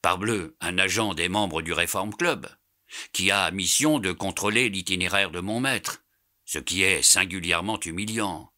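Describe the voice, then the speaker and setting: A man reading an audiobook, voicing an excitable, loyal young French manservant who bursts out indignantly. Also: low voice, unhurried, full character voice. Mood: knowing. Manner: indignant, animated outbursts.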